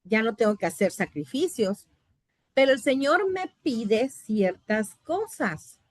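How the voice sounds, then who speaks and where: A middle-aged woman leads a Bible lesson and explains each term patiently. Her voice sits a little high for a woman. The sound is dry and close, with almost no room around it. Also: big pitch swings, slow pace, no echo. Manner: explanatory, asks "¿verdad?" often. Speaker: Bible institute teacher. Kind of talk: Bible class lecture.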